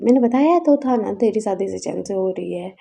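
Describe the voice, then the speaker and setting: A woman voicing a domineering mother who brushes her son off briskly, with a husky, dark tone. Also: mid-range voice, expressive. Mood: dismissive. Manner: brisk, dismissive.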